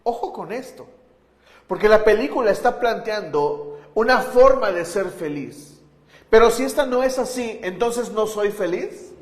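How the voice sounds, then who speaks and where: A man's voice: high-pitched, lively intonation, a little slow. A pastor preaching a conversational sermon, asking his listeners rhetorical questions. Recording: echoey hall with long reverb.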